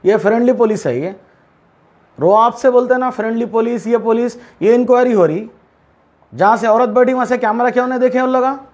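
Very high-voiced indignant Hyderabadi man. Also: a little fast, darkish tone. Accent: Hyderabadi Urdu. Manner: indignant, rhetorical questions, addresses officials directly. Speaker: local spokesman speaking for the driver. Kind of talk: complaint to the press.

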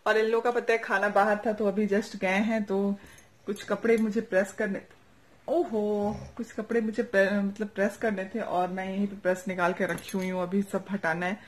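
A young woman with an eastern Uttar Pradesh Hindi accent, narrating a casual daily vlog at home in a chatty, soft-spoken way with frequent tag questions. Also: mid-range voice, little pitch movement, normal speed. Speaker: vlogger. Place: family home, indoors and courtyard.

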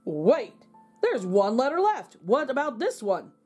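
A greedy, red-faced goblin from a children's storybook, voiced by a woman. It is impatient and grumbles, with an animated rise and fall in pitch. Faint music runs behind it. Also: a little slow, husky, exaggerated voice. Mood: curious.

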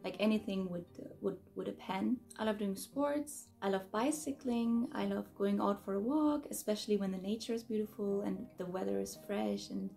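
Chatty young woman with a gravelly edge. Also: mid-range voice, moderate pace, few pauses, dark tone, faint music behind. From Germany. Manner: chatty, upbeat, talks with her hands. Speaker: YouTuber answering fan questions. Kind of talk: casual Q&A vlog. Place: bedroom, indoors.

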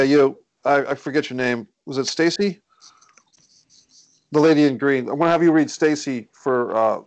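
Reading stage directions as host of a script read, this man speaks at medium pitch in screenplay narration style. He's indoors on a group video call, and the recording is rough with no echo.

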